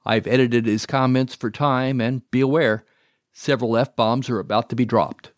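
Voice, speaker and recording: Guy reading a script, measured, a bit wry, dead dry sound. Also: mid-range voice, steady tone, no room sound. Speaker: host. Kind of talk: scripted narration.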